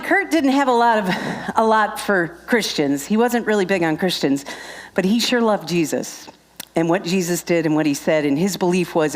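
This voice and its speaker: A woman minister giving chatty, joking announcements at the start of a Sunday service, laughing often. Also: mid-range voice.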